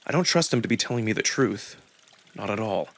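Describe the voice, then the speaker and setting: A man's lowish, creaky voice narrates a visual novel aloud, unfolding the first-person tale with expression and care.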